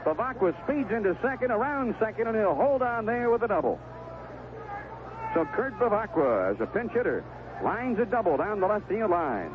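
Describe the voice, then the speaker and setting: High-pitched and at normal speed, the American sportscaster gives live baseball play-by-play in quick, conversational bursts with a very lively, swooping style. Background noise is clear in this thin, phone-like, tinny vintage 1970s AM radio broadcast.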